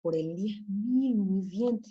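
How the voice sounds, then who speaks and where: A woman's voice: mid-range voice, slow pace, warm tone, breathy edge. A woman teaching a remote primary school lesson. She explains patiently, checks in constantly with her pupils, and praises their answers often. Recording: slightly dull lo-fi audio.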